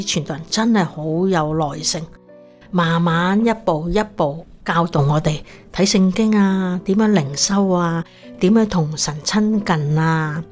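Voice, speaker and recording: Earnest woman telling her faith story. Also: lowish voice. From Hong Kong. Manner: earnest, animated storyteller with lively acted-out quotes. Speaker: missionary guest sharing her testimony. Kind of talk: personal testimony in conversation.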